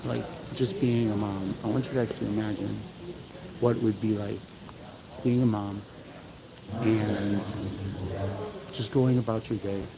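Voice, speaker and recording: Earnest man livestreaming with a gravelly voice. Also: lowish voice, fairly even intonation, unhurried, pauses often, crowd noise, rough recording. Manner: earnest, rambling, often apologizing and addressing viewers. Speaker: livestream host at a memorial event. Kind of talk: emotional livestream talk.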